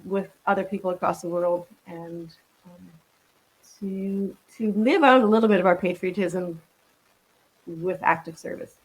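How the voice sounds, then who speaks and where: On a rough recording, a woman from the Netherlands in her sixties chats casually on a podcast in a mid-range voice. She reflects as she goes, with plenty of ums and restarts.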